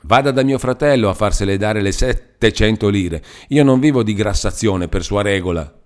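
A man voicing an irritable middle-aged clerk who shouts in agitation. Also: on the low side, normal speed, lightly acted. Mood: exasperated.

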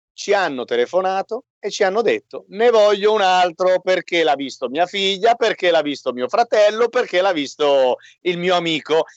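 Male infomercial spokesman, higher register, very lively delivery, insistent and repetitive, dry radio sound. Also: no echo, lo-fi sound. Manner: insistent, repeats phrases. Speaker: company spokesman selling a product. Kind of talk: infomercial radio sales pitch.

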